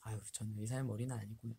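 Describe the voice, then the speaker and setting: A young man in his twenties hosts a livestream from a small bare room, casually chatting with fans, reading health tips aloud and laughing often. His fairly low, level voice is mellow and fairly quick, picked up by a desk-distance webcam with a little hiss or hum.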